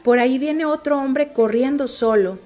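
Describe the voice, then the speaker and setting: A woman's voice: sits high, normal speed, a little mellow, soft background music, voice pushed up, natural voice. A woman reading the part of a watchful male sentinel posted on a wall. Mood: alert.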